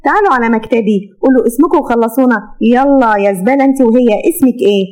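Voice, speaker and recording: A rude, dismissive Egyptian office secretary, played by a woman storyteller brushes visitors off in short, scornful lines. The delivery is quick and fairly high. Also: dark tone, lightly acted. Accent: Egyptian Arabic. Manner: curt and scornful.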